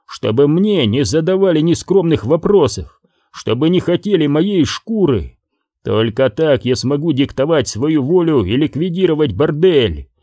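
Man doing an enraged crime boss, audiobook, raised pitch, loud, scolding, clipped words, dark tone. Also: no room sound, studio quality, exaggerated voice. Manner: shouting, scolding, hammering each word. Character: furious middle-aged male crime boss.

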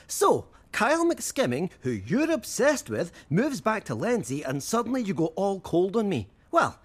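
A husky Scottish fake teacher. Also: male voice, high-pitched, wildly swooping pitch, unhurried, full character voice. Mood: suspicious. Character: man posing as a history teacher. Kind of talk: sitcom acting.

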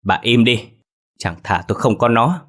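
A man voicing a furious, proud old village patriarch who curses and shouts at his daughter. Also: medium pitch, normal speed, voice pushed up, close to an everyday voice. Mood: raging. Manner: shouting, cursing, raging.

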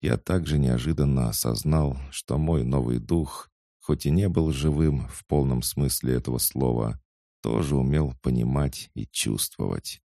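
A man narrating an audiobook in the first person, even storytelling. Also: extremely low pitch, measured pace, gravelly, no room sound, clean studio sound.

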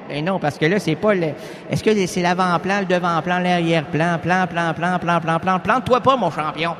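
A man with a Québécois accent doing a rambling improvised comic monologue full of wordplay. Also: high-pitched. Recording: long hall reverb with faint music.

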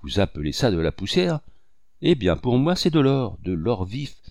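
Man reading a defiant broke artist for an audiobook, boastful and loud, pitch swinging wide, dry sound. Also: big pitch swings, moderate pace, dry recording. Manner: boastful, exclamatory. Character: proud, defiant poor artist man, laughing off advice.

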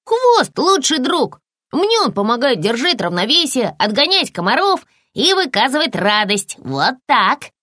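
A woman's voice: high voice, sing-song, unhurried, fairly bright tone, no echo, clean studio sound, pitched above the performer's own voice, exaggerated voice. A woman doing a yelping friendly puppy. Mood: cheerful. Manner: yelping, cheerful. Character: friendly young male puppy.

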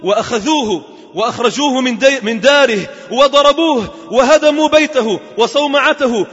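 A man's voice: very high-pitched, normal speed, fairly bright tone, husky. A man giving a Friday sermon in a mosque, telling a story dramatically and drawing out phrases for emphasis. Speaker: preacher. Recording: dull lo-fi recording with long mosque reverb.

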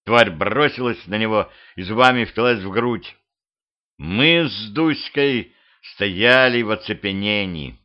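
A man narrating a humorous horror audiobook in the first person, with a steady, measured reading. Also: on the low side. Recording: muffled lo-fi home recording.

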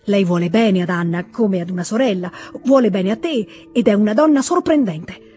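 A woman's voice: medium pitch, normal speed, warm tone, soft background music, lightly acted. Woman doing an anguished pleading nobleman. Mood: imploring. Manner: emotional, imploring, rising to cries. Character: pleading warm-hearted middle-aged nobleman, brother-in-law.

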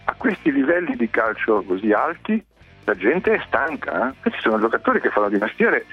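A man's voice: medium pitch, sing-song, fairly quick, slightly rough. A man giving a casual opinion on sports radio, indignantly asking rhetorical questions. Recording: dull, muffled radio sound, music underneath.

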